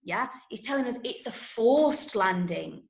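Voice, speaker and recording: A woman from Manchester, England, speaks with an English accent while teaching a script-writing workshop, explaining things and often asking questions to check that listeners follow. Her voice is fairly high and gravelly, with lively intonation and an unhurried pace. The recording has a roomy, echoing sound.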